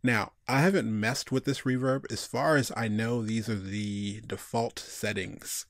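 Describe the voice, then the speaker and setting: In an unhurried, steady mid-range voice, a tutorial instructor talks casually through a screencast, thinking aloud at each step. The studio-quality recording is dry.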